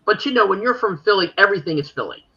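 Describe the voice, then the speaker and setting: This woman hosts a podcast and talks very fast in an animated, bright, forceful mid-range voice with a Philadelphia accent. Her casual chat rambles with many fillers, and the recording has its highs cut off.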